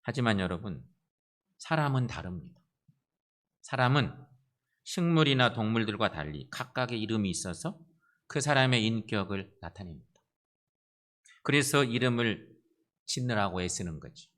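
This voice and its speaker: A man's voice: lowish voice, lively intonation, moderate pace, long pauses, a bit bright. A man preaching a sermon as pastor, earnest, repeating key phrases and turning to the congregation with direct questions.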